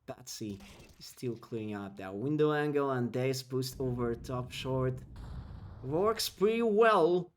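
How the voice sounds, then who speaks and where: This esports caster, not a native English speaker, delivers quick play-by-play alone, his voice climbing during the action in fast, excited calls, then drops into asides with viewers between rounds.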